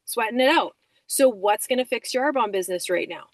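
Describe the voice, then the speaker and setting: A woman's voice: a little high, lively intonation, brisk, no room sound. A woman leading a team video call, giving a casual motivational talk full of "like" and "um". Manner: chatty, many fillers like "like" and "um". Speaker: team leader.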